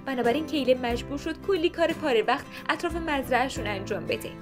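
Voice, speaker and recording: High-voiced woman narrating a cartoon story. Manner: lively, storytelling. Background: music.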